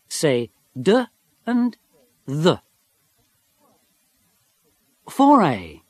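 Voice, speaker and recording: A man reading the instructions for a pronunciation course in a slow, clear, deliberate way, recorded in a dry studio. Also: on the high side, no echo. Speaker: course narrator.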